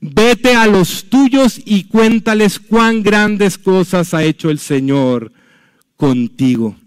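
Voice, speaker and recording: Man doing jesus giving a slow calm order, kinda solemn, dry room. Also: sits high, smooth, no echo, pitched above the performer's own voice.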